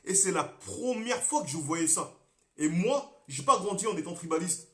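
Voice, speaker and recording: A young Congolese man, a political activist, talking on a live stream with passion, repeating himself and swinging between loud and quiet. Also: sits high, expressive, normal speed, reverberant. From Congo (DRC). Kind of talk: monologue on a Facebook live stream.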